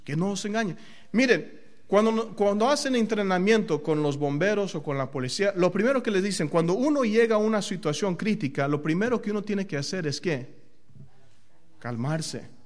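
A man's voice: expressive, brisk. A man preaching a sermon, asking the congregation questions and answering them himself, dropping into English phrases now and then. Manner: swings from loud emphasis to low, soft phrasing.

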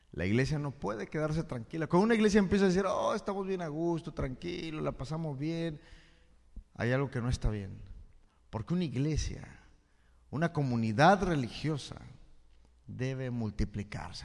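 A male pastor giving a conversational sermon, often checking in with the congregation through rhetorical questions. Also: fairly high pitch. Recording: long hall reverb.

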